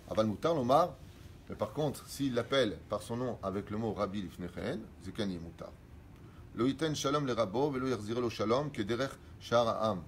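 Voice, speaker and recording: A middle-aged man, a rabbi, teaching religious law and explaining quickly read Hebrew sources in French. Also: medium pitch, slight background noise.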